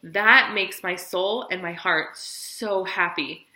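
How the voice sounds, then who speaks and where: A woman's voice: fairly low pitch, takes it slowly, sharp tone, echoey room, poor audio. A woman in her thirties telling her personal story in a vlog, earnest and encouraging, tired and near tears at times. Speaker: vlogger sharing her weight-loss business story.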